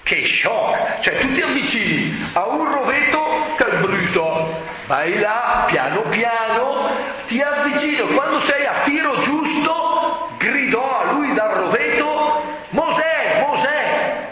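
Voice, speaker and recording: A man preaches a sermon, rhetorical and animated, raising his voice to shouts for emphasis. His voice sits high and swings widely in pitch. It rings through a reverberant hall, with faint ambience behind it. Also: slow pace, slight background noise.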